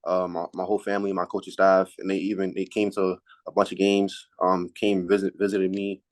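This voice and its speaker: Male, late teens, student athlete. Lowish voice, casual interview answers, halting delivery with repeated words. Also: level tone, darkish tone. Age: late teens, high school senior.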